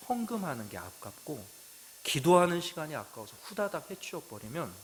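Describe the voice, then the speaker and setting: A man preaching a sermon as a pastor. He tells stories, asks the congregation questions, and moves between loud emphatic phrases and quiet asides. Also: medium pitch, a little hiss or hum, poor audio.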